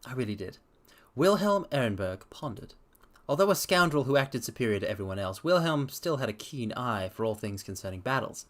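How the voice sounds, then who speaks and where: Very animated and fairly quick, a medium-pitched man performs a visual novel's narration for his stream, adding casual asides along the way. The game's soundtrack hums faintly in the background.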